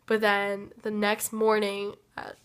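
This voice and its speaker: A woman with a sick, rough voice giving a rambling personal update as a vlogger, hesitant and trailing off between thoughts. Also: medium pitch, monotone, slow pace. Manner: hesitant, trailing off with many fillers.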